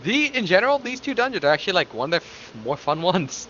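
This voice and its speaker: A man's voice: high voice, very animated, fast talker, muffled recording, a loud crowd. A man playing an online game with friends, joking and tripping over his words. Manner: joking, stumbles and restarts. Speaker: player in an online game group. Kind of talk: casual gaming chat.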